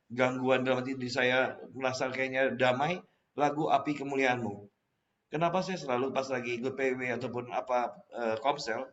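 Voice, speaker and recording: A man gives a casual church testimony, his voice sitting at an ordinary middle pitch. He tells the story with animated energy and acts out his own past lines. The recording is slightly muffled and dull. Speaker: testimony speaker.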